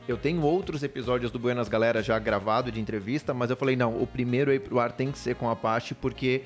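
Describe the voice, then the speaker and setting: Male podcast host, mid pitch, casual and hesitant in his phrasing. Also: fast, faint music behind. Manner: hesitant, with many restarts and warm agreement. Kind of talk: casual interview chat.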